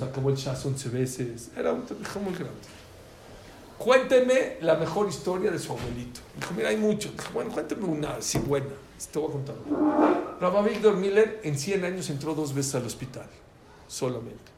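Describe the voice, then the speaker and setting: A man teaching a Torah lesson, telling stories with animated quoted voices. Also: medium pitch, creaky. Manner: animated storyteller, voice rising in quotes. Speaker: rabbi teaching a class. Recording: echoey room with faint ambient noise.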